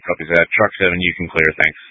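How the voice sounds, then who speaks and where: A man's voice: low voice, fairly even intonation, quick pace, dry recording, phone-quality sound. A man working as a fire incident commander, talking in clipped procedural phrases over a two-way radio. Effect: two-way radio transmission. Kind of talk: fire dispatch radio traffic.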